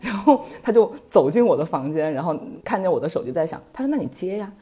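A woman in her thirties chatting casually on a podcast, telling a story in a lively way and laughing often. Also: low voice, quick pace, slightly rough. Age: 30s. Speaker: podcast guest.

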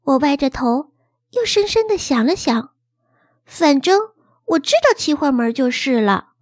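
A woman with a high, very lively voice reads a children's story aloud and tells it expressively, as a child would. The sound is close and dry. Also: measured pace, no echo. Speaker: narrator. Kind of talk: storybook reading.

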